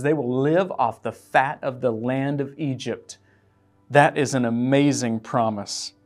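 A pastor preaching an earnest, emotional sermon and reading scripture aloud. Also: male voice, medium pitch, a little mellow. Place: church.

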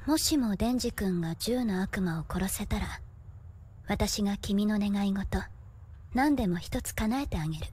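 A woman voicing a calm, manipulative young woman superior in an anime, speaking in a soft, breathy near-whisper with a slow, coaxing manner. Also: mid-range voice. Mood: persuasive. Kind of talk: anime dub acting.

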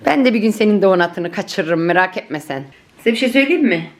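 A woman's voice: mid-range voice, animated, brisk. Woman, mother vlogger, casual chat, teasing, echoey room. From Turkey. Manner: chatty, affectionate, teasing. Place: family home in Germany.

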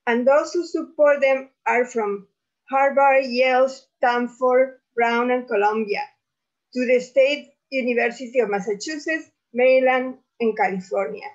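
A woman speaker reading a prepared statement at a conference, going deliberately through lists of names and places. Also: high-pitched, muffled recording.

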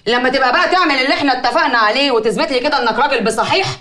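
A fast, sharp-tongued defiant wife. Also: female voice, high-pitched, echoey room. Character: defiant young wife of a village mayor. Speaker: mayor's wife. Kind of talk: TV drama acting.

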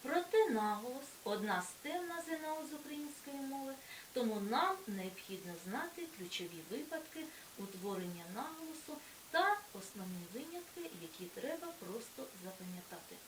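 A woman teacher explaining a school lesson and pronouncing example words clearly with emphasis. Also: high-pitched, sing-song, normal speed. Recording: echoey room from far off, faint hiss.

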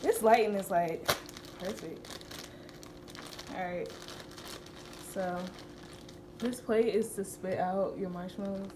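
A woman's voice: medium pitch, slow, pauses often. A young woman hosting her own video channel in casual, playful chat. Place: home kitchen, indoors. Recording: clear room noise.

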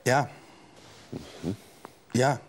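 A flustered, hot-tempered witness. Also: male voice, very slow. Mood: hesitant. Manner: hesitant, full of fillers, flares into shouting. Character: jilted young man, defensive, hot-tempered witness. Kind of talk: scripted courtroom TV show.

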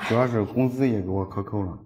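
A woman acts out a timid factory worker airing her complaints to the boss in a plaintive tone. Her voice is strikingly deep for a woman. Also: fast talker, warm tone. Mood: complaining. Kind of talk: short-video skit acting.

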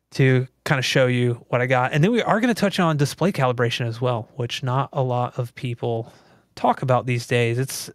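A man's voice: mid-range voice, clean tone, no echo, studio quality. Easygoing man explaining home theater gear. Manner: easygoing, explanatory, many fillers. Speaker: podcast and livestream host. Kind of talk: casual tech chat.

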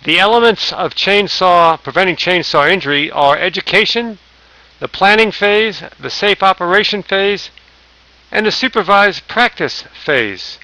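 Bright-voiced man reading safety slides. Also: high voice, animated, a little slow, no echo, rough recording. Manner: plain, reads lists with small slips and restarts. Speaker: safety instructor.

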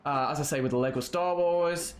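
High-voiced young Scottish man. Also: brisk. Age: 20s. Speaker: game streamer. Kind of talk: casual live gameplay commentary.

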